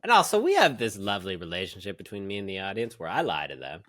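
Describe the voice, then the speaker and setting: Male podcast co-host, bright and very lively voice, dry close sound, teasing and casual. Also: deep voice, fast, no echo. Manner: teasing, animated. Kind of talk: casual chat, reading quiz questions. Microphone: phone camera.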